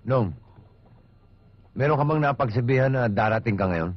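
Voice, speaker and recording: A man's voice: mid-range voice, lively intonation, normal speed, no echo, lo-fi sound, natural voice. An actor in a comedy film playing an easygoing young man who reasons and teases. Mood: calm.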